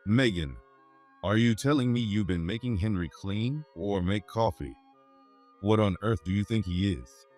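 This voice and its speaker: A man's voice: fairly low pitch, measured pace, darkish tone, soft background music, voice pushed down, close to an everyday voice. A man voicing a tipsy, jovial male company executive with slightly slurred speech. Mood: stern.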